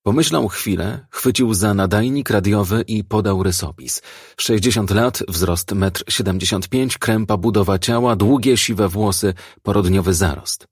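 A man narrates a crime novel in a low, husky voice with a steady, measured reading. The sound is close and dry, with no room around it. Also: no echo.

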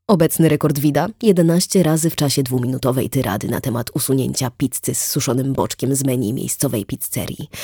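An audiobook narrator giving an expressive reading of a novel. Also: vocal fry, breathy edge, no echo, clean studio sound. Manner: expressive reading with lively shifts of pitch. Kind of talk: scripted narration.

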